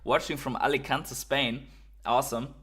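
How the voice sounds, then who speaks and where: Reading and replying to viewer messages, a German-accented man from Germany hosts a lively, casual live stream about markets. His voice is medium-pitched, steady and fairly bright, with a husky edge, and he talks at a normal speed.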